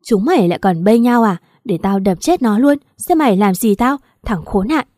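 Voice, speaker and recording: A woman reading the lines of a young wife who shouts through tears in an audiobook story. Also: mid-range voice, animated, normal speed, dry recording, clean studio sound, natural voice. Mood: anguished fury. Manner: shouting, tearful outbursts. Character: young married woman, furious and grief-stricken.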